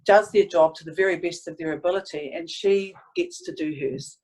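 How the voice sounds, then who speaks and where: A woman's voice: on the low side, normal speed, a little mellow, poor audio. A woman, reflecting earnestly and hesitantly as she tells stories in a casual interview. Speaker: interviewee, sports team staff member.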